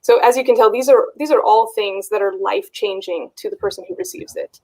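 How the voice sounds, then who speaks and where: Woman, fundraiser host, encouraging, fairly high voice, frequent fillers. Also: lively intonation, a little fast, gravelly, darkish tone, low-quality recording. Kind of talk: live virtual fundraiser hosting.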